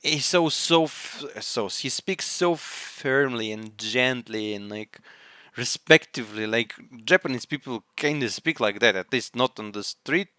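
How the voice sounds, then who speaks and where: Hosting an anime reaction, a non-native English speaker chats casually and meanders while searching for the right words. His mid-range voice is bright and pushed, a little slow, with a clean tone and studio-quality audio free of room sound.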